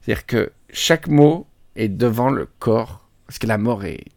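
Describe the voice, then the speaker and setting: A man hosting a podcast, chatting casually and telling an animated story, imitating how place names are pronounced. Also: mid-range voice, moderate pace, vocal fry. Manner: animated storytelling, mimics pronunciations. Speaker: podcast host. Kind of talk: casual chat.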